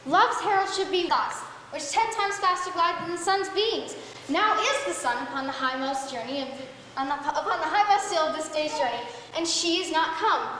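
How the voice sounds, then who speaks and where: A woman's voice: high voice, animated, bright, forceful tone. A young woman acting an impatient young girl in love in a stage play, pleading and urging for news, on a school stage. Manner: impatient, pleading, quick to urge. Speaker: student actor. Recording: echoey hall, stage mics, faint noise.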